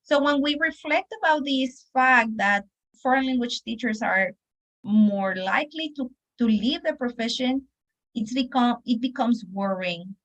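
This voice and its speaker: Mexican accent woman, spanish native, kinda high voice, teacher doing a research presentation, pauses a lot. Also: fairly bright tone, rough recording. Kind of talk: academic presentation.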